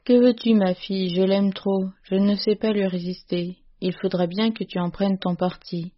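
A woman's voice: medium pitch, level tone, normal speed, close to an everyday voice. A woman voicing a middle-aged, indulgent father in a storybook reading, with pleading, breaking outbursts, on a dull, lo-fi recording.

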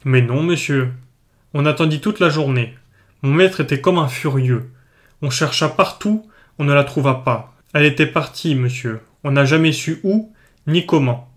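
A man's voice: a little high, moderate pace, lightly acted. A man reading as a curt old woman servant. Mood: confiding. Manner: dry, clipped replies.

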